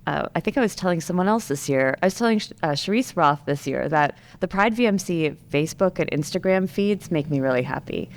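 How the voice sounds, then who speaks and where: A woman's voice: lowish voice, animated, fairly quick, few pauses. A woman interviewing a guest, enthusiastic and talking at length in a rambling way. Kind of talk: conversational interview.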